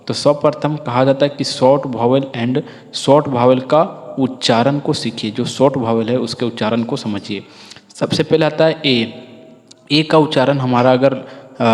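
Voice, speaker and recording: A man's voice: mid-range voice, darkish tone. Man teaching phonics in an echoey hall. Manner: explains patiently, drills word lists, often asks listeners to repeat after him. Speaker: English teacher. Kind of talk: classroom-style phonics lesson. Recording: long hall reverb.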